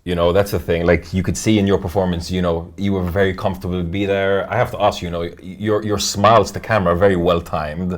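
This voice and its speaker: Low-voiced male interviewer. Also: level tone, fast, few pauses. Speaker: interviewer, host. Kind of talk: casual interview chat.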